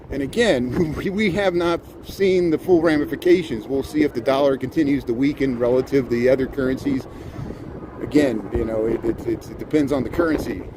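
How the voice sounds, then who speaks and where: Halting male livestreamer outdoors, city noise. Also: mid-range voice. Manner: halting, repeats words. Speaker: live streamer. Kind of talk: rambling casual livestream chat.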